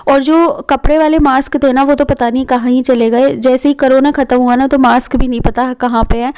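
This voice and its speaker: A woman's voice: sits high, mellow, clear, resonant tone. A woman in her thirties, a mother of two, chatting casually as she narrates her day at home in a vlog, with frequent fillers. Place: home, indoors.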